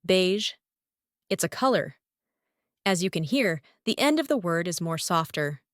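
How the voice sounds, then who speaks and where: A woman's voice: fairly low pitch, big pitch swings, moderate pace, no room sound, clean studio sound. A woman with a Lithuanian accent teaching English pronunciation, saying each example word several times. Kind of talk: pronunciation lesson, repeating example words.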